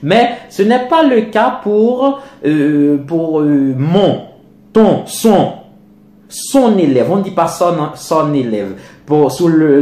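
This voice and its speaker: A man teaching a lesson on pronunciation, slowly and deliberately repeating his examples. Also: on the high side, dark tone, echoey room. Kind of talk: lecture on French pronunciation.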